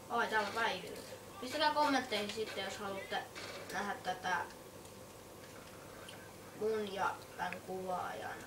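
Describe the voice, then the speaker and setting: Someone voicing a foul-mouthed, excitable little boy playing a game, swearing constantly and stumbling over words. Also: medium pitch, lightly acted. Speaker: gameplay commentator. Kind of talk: swearing gameplay commentary. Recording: echoey room, far from mic, noisy.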